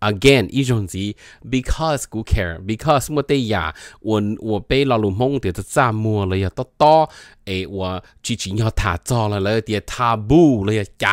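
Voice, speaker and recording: Man, casual explainer, lowish voice, dry close sound, reads a line then talks it through. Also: no echo. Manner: reads short English phrases aloud, then explains them at length. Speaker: presenter.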